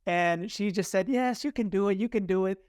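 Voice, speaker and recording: Here a podcast guest recounts something from his own life, his voice pitched high, fairly quick, and clean. He's a Chilean-born communication coach in his forties whose first language is Spanish, and he animatedly performs the voices he quotes. It's studio quality with no echo.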